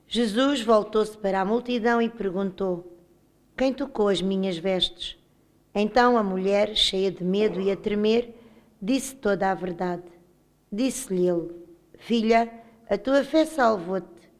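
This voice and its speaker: A woman's voice: mid-range voice, measured pace. A woman with a European Portuguese accent reading a Gospel passage aloud. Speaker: scripture reader.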